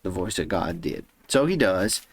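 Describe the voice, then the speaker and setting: Low-voiced man casually retelling scripture. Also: sing-song, normal speed, a little hiss or hum. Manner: conversational, paraphrasing loosely. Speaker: Bible reading host. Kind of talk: casual Bible story retelling.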